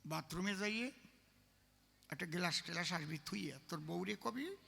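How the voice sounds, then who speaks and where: A man voicing an older village uncle, a sly know-it-all who gives hushed, conspiratorial advice. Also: sits high, animated, normal speed, creaky, slightly rough, voice pushed down, exaggerated voice. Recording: long reverb.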